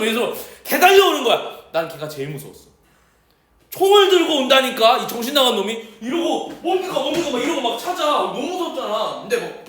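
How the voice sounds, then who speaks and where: Animated male teacher in an echoey room. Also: high-pitched. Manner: animated, acts out shouts and quoted voices. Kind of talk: storytelling aside in a lecture. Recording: echoey room with a distant mic.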